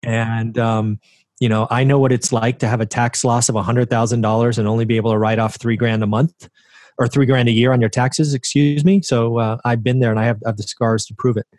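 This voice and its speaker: A man's voice: medium pitch, steady tone, a little fast, darkish tone, no room sound, clean studio sound. A man in his forties, a guest on an interview show, telling his story conversationally and often tossing in a rhetorical "right?". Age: 40s. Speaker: interview guest, real estate investor.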